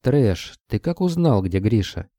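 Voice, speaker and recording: A man's voice: on the low side, big pitch swings, unhurried, mellow, no echo, clean studio sound. A man voicing a sarcastic, snappy red-haired young woman werewolf. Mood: curious.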